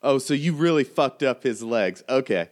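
A man's voice: medium pitch, animated, moderate pace. A man narrating a tabletop game as game master, casual and swearing freely. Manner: casual, swearing, laughing often.

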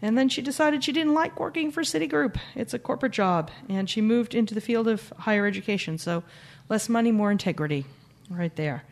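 A woman's voice: a little high, expressive, brisk. A woman co-hosting a podcast, chatting casually and introducing guests with wry, joking asides. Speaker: podcast co-host.

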